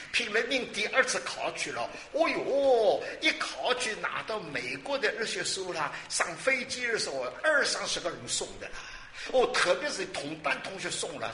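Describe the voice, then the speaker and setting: A man in his sixties preaching a sermon, lively and exclamatory, asking questions and answering them himself. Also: high-pitched, a little hiss or hum. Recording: roomy hall with faint ambience.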